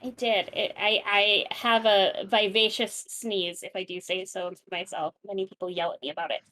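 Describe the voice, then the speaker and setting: A woman's voice: medium pitch, fairly even intonation, moderate pace, bright, forceful tone, low-quality recording. A woman co-hosting a casual podcast chat, laughing often and swearing freely. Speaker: podcast co-host.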